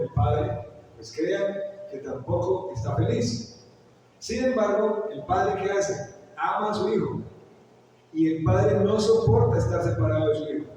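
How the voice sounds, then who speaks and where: A man's voice: fairly high pitch, mellow, a little hiss or hum. A man preaching a sermon as pastor, telling a story and putting questions to the congregation. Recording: echoey hall, picked up from far off.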